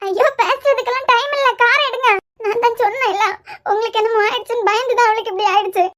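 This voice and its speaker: A woman voicing a tearful, frightened young mother in a cartoon series, with a Kanyakumari Tamil accent and a squeaky, pleading voice. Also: steady tone, fast talker, fairly bright tone. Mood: panicked. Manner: pleading, anxious. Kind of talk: cartoon web series voice acting.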